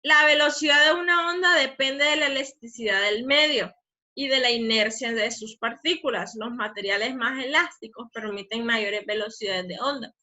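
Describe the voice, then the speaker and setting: A woman's voice: on the high side, pushed and bright. A woman teacher explaining a physics lesson, often checking in with the class. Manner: explanatory, often asks "¿verdad?" to check understanding; says she talks fast.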